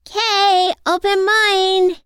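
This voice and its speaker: Woman as young girl, high voice, sweet, excitable, loving, storybook narration, close dry sound. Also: unhurried, dry recording. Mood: excited.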